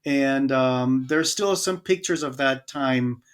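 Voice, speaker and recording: A man from Germany, a guest musician, telling his story in a relaxed, hesitant way with many fillers. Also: medium pitch, slow. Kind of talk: casual interview storytelling.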